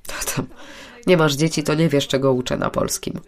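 An actress in a radio play voicing a burned-out, bitter middle-aged teacher who talks in a self-deprecating way. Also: female voice, deep voice, steady tone, normal speed, close to an everyday voice. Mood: weary. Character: weary disillusioned woman teacher, middle-aged. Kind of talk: radio drama acting.

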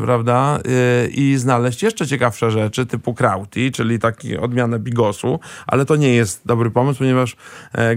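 A man chatting as a guest expert in a rambling way, often pausing with fillers and tagging questions onto his sentences. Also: mid-range voice, creaky, dry recording, studio quality. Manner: frequent hesitant fillers and restarts. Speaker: guest expert on Italian food. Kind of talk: casual chat.

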